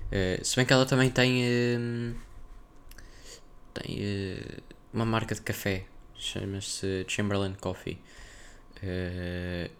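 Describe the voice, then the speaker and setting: A young man speaks European Portuguese-accented speech in a lowish voice with very little melodic movement. He hosts a casual solo podcast, thinking aloud in a rambling, slang-filled way. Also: slight background noise. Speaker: podcast host.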